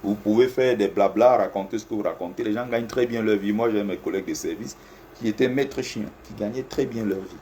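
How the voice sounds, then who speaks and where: A man's voice: lowish voice, a little fast, a little hiss or hum. A man, a security agent, talking casually and animatedly to viewers from an office. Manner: animated, repetitive, addresses viewers directly. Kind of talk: casual talk to camera. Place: air-conditioned office.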